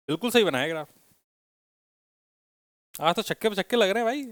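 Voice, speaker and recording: High-voiced man teaching physics. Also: gravelly, a bit bright, no echo, studio quality. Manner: asks students questions, teasing and joking. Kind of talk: classroom lecture with students. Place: classroom.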